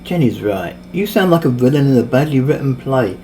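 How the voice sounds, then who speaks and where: A man's voice: mid-range voice, lively intonation, a little fast, warm tone, distant mic, a little hiss or hum, natural voice. A man voicing a defiant young male harpy warrior who speaks bluntly to his enemy.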